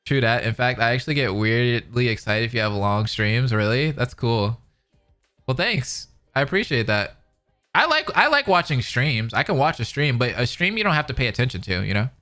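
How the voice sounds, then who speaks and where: Faint music plays behind an American streamer as he reads out comments and chats with his livestream viewers in slangy, easygoing fashion. His mid-range voice is sharp, with big pitch swings, at normal speed, and he works as a reaction commentator.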